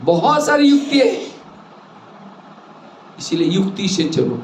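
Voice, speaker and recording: A man's voice: high-pitched, wildly swooping pitch, slow. A man teaching a spiritual class, explaining rules with everyday examples and rhetorical questions. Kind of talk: sermon to a class. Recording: echoey hall with faint noise.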